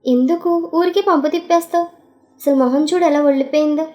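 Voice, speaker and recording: A woman's voice: high voice, fairly quick, darkish tone, faint music behind, lightly acted. A woman voicing a playful, affectionate young husband in an audio love story. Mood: tender teasing. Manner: teasing, affectionate.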